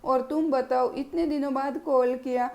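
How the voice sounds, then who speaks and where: A woman's voice: high-pitched, fairly even intonation, measured pace, darkish tone. A woman voicing a sly young daughter-in-law who steals from the family.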